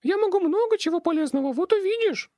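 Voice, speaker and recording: A squeaky pleading imp girl, as a man puts her on. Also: animated, fast, mellow, no echo. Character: squeaky pleading female imp demon servant. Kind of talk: audiobook reading.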